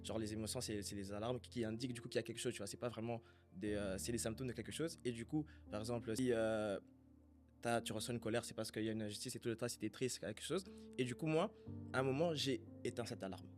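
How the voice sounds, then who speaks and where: Man from Congo, mid-pitched voice, reflective, halting, faint music underneath. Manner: reflective, halting, self-searching. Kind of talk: casual faith conversation.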